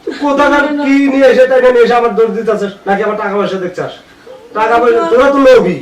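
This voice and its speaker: A man playing a cheating husband who loudly denies everything, then begs forgiveness. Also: sits high, lively intonation, moderate pace, distant mic, a crowd in the background. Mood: defensive. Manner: defensive, loud denials. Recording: echoey room, off-mic, faint noise.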